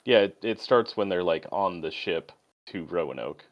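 A man hosts a casual book podcast, leading the conversation with prepared questions in a dry, matter-of-fact way. His voice sits low and sounds animated at normal speed. The recording is dull and lo-fi.

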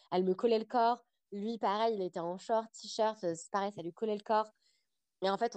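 A young adult woman, a podcast guest, telling a personal story in a casual, animated way with lots of fillers. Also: mid-range voice, no room sound.

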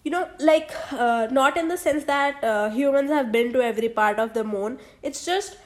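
A woman's voice: high voice, moderate pace. A young woman hosting a solo podcast, rambling casually with many fillers and restarts. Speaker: podcast host.

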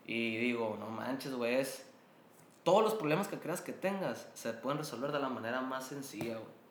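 A guest entrepreneur with a Mexican Spanish accent tells a story during a casual chat over beers, using slang and laughing often. His voice is medium-pitched and animated at a moderate pace, with a roomy sound and crowd noise behind him.

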